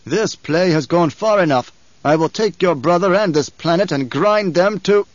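An angry, imperious emperor, as a male narrator plays him, barking commands with loud scorn. The voice sits a little high. A dry, slightly dull studio recording. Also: expressive, normal speed, no echo. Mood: commanding, angry. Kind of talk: audiobook character voice.

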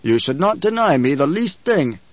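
A man voicing an imperious, threatening emperor in an audiobook, loud, commanding and scornful. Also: on the high side, sing-song, moderate pace, no room sound. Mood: commanding, angry. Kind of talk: audiobook character voice. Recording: dull, dry studio recording.

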